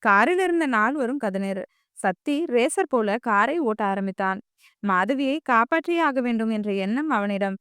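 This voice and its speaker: A woman's voice: on the high side, animated, normal speed, fairly bright tone, smooth, dry recording, studio quality. A woman narrating an audio novel in a dramatic storytelling manner.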